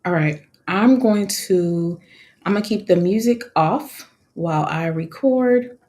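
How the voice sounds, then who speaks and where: A woman with a slightly low voice talks on a live stream in a loose, animated way and laughs often as she explains her process. She speaks into her own microphone in a casual walkthrough tone, as a host of her own channel. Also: measured pace. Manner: chatty and animated, with frequent laughs and fillers. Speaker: online course creator hosting a live co-working session. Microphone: wearing her own microphone.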